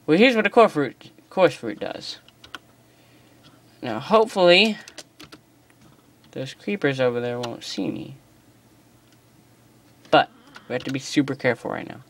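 Recorded by a phone aimed at a computer screen, an American gaming channel host gives a chatty, excitable game commentary tutorial and teases themselves over their mistakes. They talk at a measured pace with frequent pauses in a middle-pitched voice, as keyboard typing occasionally clicks in.

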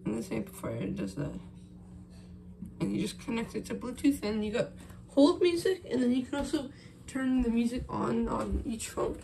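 Recorded on a handheld phone camera moving around a small indoor room with a wooden floor, a woman with a slightly high, creaky voice explains her hands-on phone system project. She's the video host, speaking casually and off the cuff while working with gear, against a noisy background.

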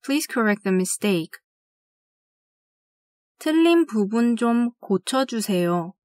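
A woman's voice: fairly high pitch, expressive, a little mellow, dry recording. Woman, language teacher, scripted phrase drill, careful, very dry close sound. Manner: slow and careful, each phrase said twice.

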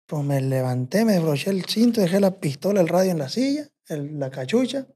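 A man's voice: sits high, very animated, a little fast, mellow, breathy edge. A man with a Sinaloan Mexican accent, a podcast guest telling a long story in a rambling, profane way and quoting what people said. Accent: Sinaloan Mexican Spanish. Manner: rambling, profane, quotes himself and others. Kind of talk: casual storytelling.

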